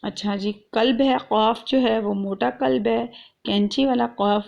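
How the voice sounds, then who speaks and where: Woman teacher for an online lesson; raised pitch with some vocal fry, patient, stretches out syllables, dull lo-fi sound. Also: fairly even intonation, darkish tone. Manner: explains patiently, drawing out letters and syllables; mixes English words into her speech. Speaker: Quran tajweed teacher.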